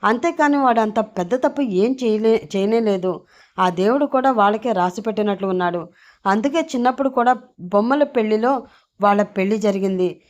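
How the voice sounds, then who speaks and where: A woman's voice: mid-range voice, moderate pace, voice pushed up, natural voice. A woman voicing an exasperated middle-aged father who argues firmly, in a storybook reading. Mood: firm pleading.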